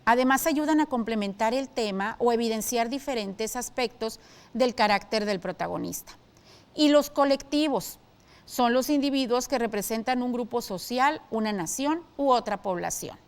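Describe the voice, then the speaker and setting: A woman teaching a televised school lesson, explaining clearly and steadily and asking her students questions. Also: on the high side, expressive, normal speed.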